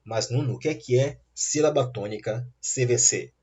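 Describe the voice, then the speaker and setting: The teacher here is a man with a medium-pitched, husky, darkish voice. He walks through English grammar slowly and patiently, asking "tá bom?" with a rising tone to confirm students follow, all captured in dull lo-fi sound.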